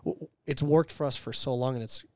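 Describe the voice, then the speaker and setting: Fast-talking candid man in his thirties. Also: mid-range voice, creaky, dry recording. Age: 30s. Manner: candid, animated, with restarts and acted-out quotes. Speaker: entrepreneur guest. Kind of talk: casual interview talk.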